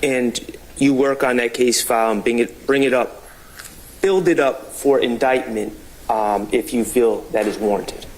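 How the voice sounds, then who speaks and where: A man's voice: medium pitch, fairly even intonation, a little slow, a little mellow. Male defense attorney in a noisy courtroom. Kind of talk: courtroom questioning and argument.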